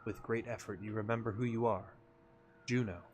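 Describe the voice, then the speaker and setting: A man reading a game's story text aloud as a narrator, in a measured, dramatic storytelling manner. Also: lowish voice, fairly even intonation, a little mellow, a little hiss or hum. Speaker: video game player and narrator.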